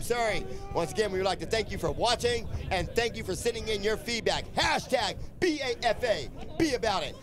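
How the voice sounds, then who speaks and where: Male play-by-play football caller, high voice, emphatic and repetitive, over a busy outdoor crowd. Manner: emphatic, repeats phrases. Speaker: play-by-play sports commentator. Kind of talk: live American football commentary. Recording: outdoor field with loud crowd behind. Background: crowd and outdoor field noise.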